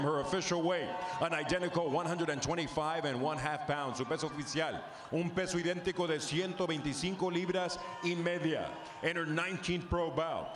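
A man doing booming, theatrical, bilingual ring announcing like a lucha libre announcer, stretching out the big moments. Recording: echoey arena microphone with loud background noise.

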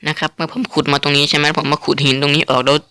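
A man's voice: fairly high pitch, flat delivery, very fast, sharp tone, clear, resonant tone, no room sound. A man hosting a gaming channel, chatting loosely through his game with lots of fillers, recorded on a phone. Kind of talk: casual game commentary. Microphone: playing on a mobile phone, no headphones.

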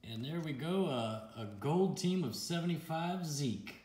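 A man's voice: fairly high pitch, expressive, unhurried, a little mellow. Chatty man opening card packs. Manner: chatty, laughs often, reads out card names. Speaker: card-opening channel host. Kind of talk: casual card unboxing chat. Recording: roomy echo with faint noise.

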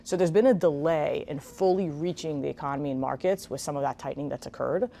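A woman in her thirties, born in Israel, giving measured, explanatory answers as a guest in a TV interview, with casual fillers, on a lapel mic in a bright room. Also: deep voice, gravelly. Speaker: guest, investment executive. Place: large bright room with garden windows.

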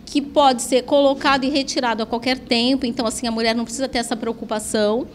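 A woman's voice: fairly high pitch, fairly even intonation, quick pace, slight background noise. A middle-aged woman, a health worker, explaining a program in an interview in a classroom, often ending with a questioning tag. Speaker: health worker giving a talk. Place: classroom with projector.

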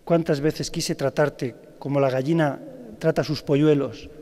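A man speaking as a weeping Jesus, tender and grieving, in a soft, subdued voice that sits fairly high for a man. The words ring out with a long cathedral reverb. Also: steady tone, normal speed, natural voice. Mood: sorrowful. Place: large cathedral.

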